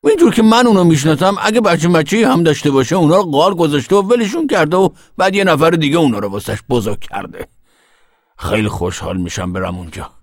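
A man's voice: fairly high pitch, expressive, no echo, studio quality. An actor playing a cantankerous, foul-mouthed, mischievous old grandfather in a radio drama. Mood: boastful. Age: older. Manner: grumbling, foul-mouthed, boastful.

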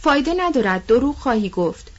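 A woman reading the lines of a jealous, hot-tempered young man, with sharp accusing outbursts. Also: high voice, very animated, slightly rough, full character voice. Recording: dull lo-fi recording.

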